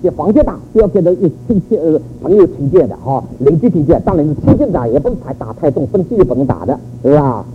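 Older male church speaker, high and animated, storytelling sermon, narrow phone-quality recording. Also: fast, few pauses. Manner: animated storytelling with rhetorical questions. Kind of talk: sermon on child-rearing. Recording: phone-like narrow audio with faint noise.

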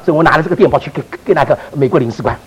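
A man preacher telling a testimony in a sermon, with animated storytelling and frequent restarts. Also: fairly high pitch, very fast, slightly rough, lo-fi sound.

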